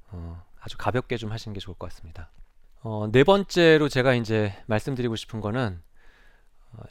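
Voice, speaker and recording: A middle-aged man lecturing from a stage, his pitch rising and falling with lively expression. He speaks earnestly and conversationally, turning to the listeners with rhetorical questions. The sound is close and dry, with little room echo. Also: smooth. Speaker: psychiatrist giving a talk. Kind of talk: public lecture.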